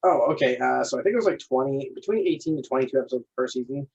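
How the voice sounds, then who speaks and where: An eager man rambles through a casual podcast chat at a rapid clip, restarting his sentences as he goes. His voice is husky, and the recording sounds dull and lo-fi. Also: medium pitch, expressive, darkish tone. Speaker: podcast co-host.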